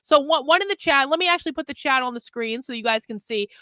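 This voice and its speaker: A woman's voice: high voice, animated, quick pace, sharp tone, no echo. A woman hosting a casual livestream commentary, emphatic and sarcastic, repeating phrases for effect. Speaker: livestream host and self-described undercover reporter.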